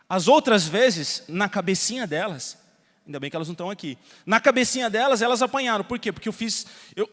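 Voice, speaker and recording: A Brazilian man preaching a sermon as pastor, telling stories with soft asides and loud emphasis. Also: high voice. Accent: Brazilian Portuguese. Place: church hall. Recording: long reverb of a church hall.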